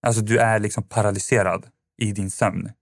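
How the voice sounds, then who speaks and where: Low-voiced guy rambling through a story on a podcast, lots of fillers, dry sound. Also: fairly even intonation, no room sound. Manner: rambling, many fillers and restarts. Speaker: podcast guest. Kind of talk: casual storytelling.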